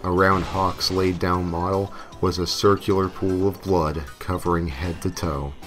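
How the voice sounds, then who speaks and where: A man whose voice sits low and fairly bright, with little pitch movement, reads a scripted story unhurriedly as narrator. It's tongue-in-cheek, occasionally hammed up, with novelty songs and game music in the background.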